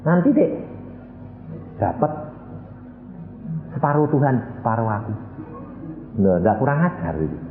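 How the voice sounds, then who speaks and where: A man preaching a sermon, animated and teasing his listeners with questions and mock prayers. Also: medium pitch, measured pace, pauses often, echoey room, narrow, tinny audio. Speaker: evangelist preacher. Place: church.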